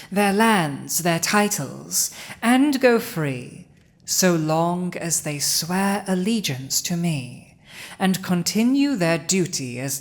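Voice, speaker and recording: In an intimate fantasy audio drama, a woman voices a cunning dragon ruling in human form. Her somewhat low voice moves very slowly with deliberate pauses, haughty, smug and commanding as she speaks directly to the listener.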